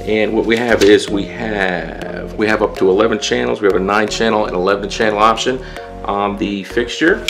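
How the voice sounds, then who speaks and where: A man's voice: on the low side, steady tone, normal speed, creaky, music in the background. A man reviewing DJ lighting gear in a casual, chatty vlog, thinking aloud as he sets up. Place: indoor room with DJ gear.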